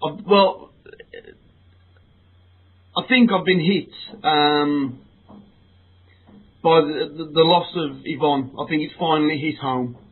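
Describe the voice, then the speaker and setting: A man plays it glum and deadpan in a comedy sketch, and his speech keeps tripping into stammers and restarts. His voice is notably high for a man. The recording is thin and phone-like. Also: slow pace, pauses often. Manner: hesitant, stammering, mock-glum. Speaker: co-host. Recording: phone-like lo-fi sound.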